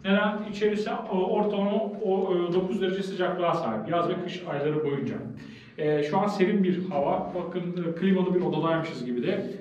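A man's voice: high-pitched, a little fast, darkish tone, slight background noise. A man guiding visitors through a rock-cut cave dwelling, explaining as he goes with many hesitation fillers, his voice echoing off the cave walls. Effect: cave echo, his voice echoing in rock chambers. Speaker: tour guide. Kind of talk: guided tour explanation. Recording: echoey cave from a distance.

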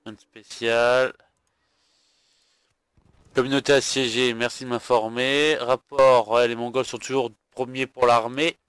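A man's voice: medium pitch, little pitch movement, measured pace, a bit bright, clear, resonant tone, no room sound. A tired man narrating his own strategy game playthrough, thinking aloud with frequent hesitations. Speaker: gaming video host. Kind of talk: let's play commentary.

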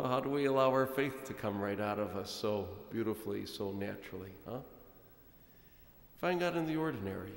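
Conversational priest in an echoey church. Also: male voice, medium pitch. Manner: conversational storytelling with laughs. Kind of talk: sermon. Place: large church, at the lectern. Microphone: far camera, lectern microphone.

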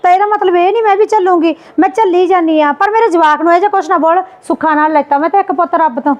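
A woman scolding her sister-in-law in a Punjabi family drama skit, indignant and quick. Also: extremely high pitch, muffled recording.

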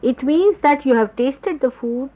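A woman giving a spiritual talk to followers, explaining patiently and pausing to search for words, on an old tape recording. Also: sits high. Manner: explanatory, gropes for words with pauses. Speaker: spiritual teacher. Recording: dull lo-fi 1979 tape recording.

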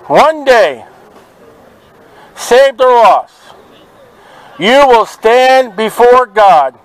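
A man preaching outdoors at a market, forceful and confrontational, quoting scripture to passers-by. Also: very high-pitched, animated, extremely slow, rough recording. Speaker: street preacher. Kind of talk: open-air street preaching. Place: outdoors at a city market by traffic.

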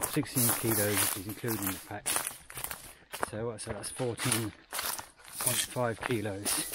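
Man, Australian accent, low voice, matter-of-fact, outdoor trail, noisy handheld recording. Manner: plain, matter-of-fact, thinks aloud about numbers. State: panting on a climb. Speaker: hiker vlogger. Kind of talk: casual outdoor vlog.

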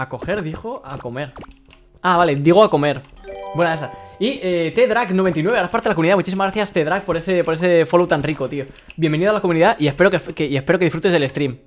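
A young man with a Spain Spanish accent hosts a live game stream, reading viewer messages aloud. He talks very quickly in a slightly high voice, excitable and quick to laugh. He often stumbles and repeats words as he goes.

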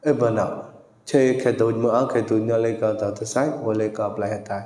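In a monastery hall with long, echoing reverb, a man gives a traditional verse performance, declaiming with frequent exclamations and at times slipping into sung lines. His voice is fairly low and mellow, with fairly even intonation and a quick pace.

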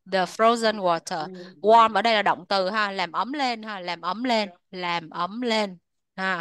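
A woman teaching English to children, switching between two languages and repeating words slowly so the class can echo them. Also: medium pitch, a bit bright.

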